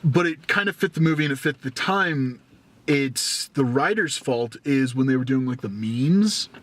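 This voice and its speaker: A young man co-hosting a casual movie review chat, animated and jokey, often cutting in. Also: mid-range voice, normal speed, no room sound.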